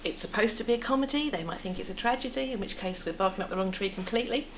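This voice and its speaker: A woman's voice: mid-range voice, very fast. Chatty English woman over room noise. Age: middle-aged. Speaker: theatre producer being interviewed. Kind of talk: casual interview, explaining. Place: indoor theatre foyer cafe seating area. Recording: clear background room noise.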